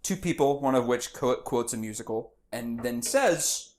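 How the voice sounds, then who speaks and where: A man's voice: mid-range voice, expressive, normal speed, a little mellow. Playful man co-hosting a chat. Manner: playful, jokey, slips into silly voices. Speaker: podcast co-host. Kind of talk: casual chat while cooking. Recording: faint background noise, home kitchen.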